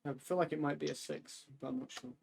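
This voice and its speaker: A man's voice: a little high, fairly even intonation, fast, creaky, a little hiss or hum. A man, a player chatting playfully and laughing often during a tabletop game. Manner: giggly, playful. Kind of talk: casual tabletop game chat.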